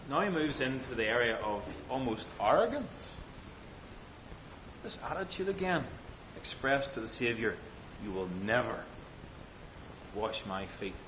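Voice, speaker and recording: Through dull, lo-fi audio with a faint rumbling beneath it, a preacher delivers an expository sermon, deliberate and emphatic, full of repetition and rhetorical questions.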